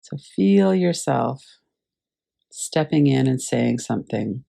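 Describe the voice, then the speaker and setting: Gravelly-voiced woman guiding a visualization. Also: rumbling low, lively intonation. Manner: gentle, unhurried guidance with pauses. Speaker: meditation teacher. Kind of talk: guided visualization class. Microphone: video call.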